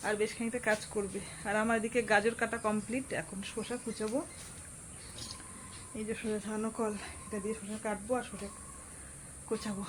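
A woman chatting casually to her viewers about her day at home. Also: mid-range voice. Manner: rambling homely chat addressed to viewers; speaks softly so a sleeping child won't wake. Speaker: vlogger. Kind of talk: casual chatty daily vlog. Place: home, indoors. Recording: noisy home phone recording.

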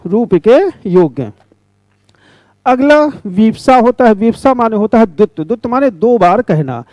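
A man's voice: high voice, a little mellow, dry recording. A man teaching a grammar lesson, explaining step by step with questions and examples.

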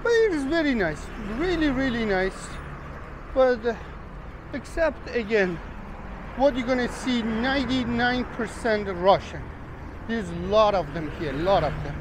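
Unhurried and full of lively intonation, a man with a very high voice rambles chattily to viewers while walking a rainy street. He's a travel vlogger who calls his audience "guys," and street traffic can be heard behind him.

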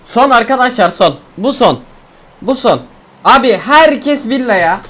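A young man from Turkey giving excitable, joking commentary while he streams a game, complaining loudly and then muttering low. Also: measured pace, soft background music. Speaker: gaming streamer. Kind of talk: casual gameplay commentary. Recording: faint game noise and gunfire behind.

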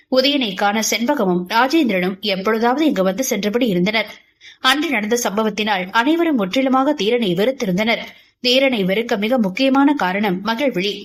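Woman narrator, audiobook romance novel, steady expressive storytelling, fairly high voice.

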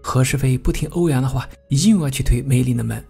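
Gravelly man narrating a film recap. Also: medium pitch, brisk, mellow. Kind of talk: scripted film-summary narration. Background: faint guitar music.

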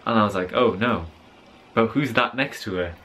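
A young man casually telling how he met his wife, relaxed and halting. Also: on the low side. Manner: laid-back, halting with fillers. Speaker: co-host telling a couple story. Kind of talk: casual chat.

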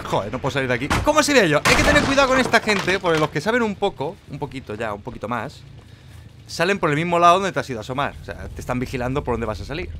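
A man giving live, mocking commentary while playing a horror game, jumping between loud outbursts and low muttering. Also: very animated, rapid-fire, background noise. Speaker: gameplay streamer.

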